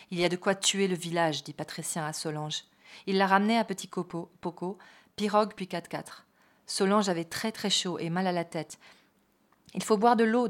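A woman reads a literary novel aloud with expressive, rhythmic phrasing. Her voice sits at a middle pitch. Now and then she stops to add a short, casual aside. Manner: expressive reading with brief spoken asides. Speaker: reader.

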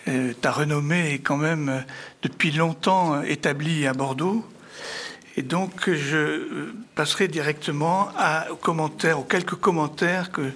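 A middle-aged man presenting an author's book to an audience in formal, literary phrasing, with halting, hesitant delivery and a husky voice. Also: a little high, fairly bright tone, slight background noise. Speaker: speaker introducing an author's book. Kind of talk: semi-prepared public book presentation.

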